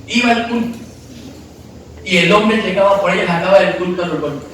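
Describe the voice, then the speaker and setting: A pastor preaching emphatically, asking the congregation questions and breaking into shouts, recorded from a distance in an echoey church hall. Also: male voice, high-pitched, fast talker, a little hiss or hum. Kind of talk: sermon.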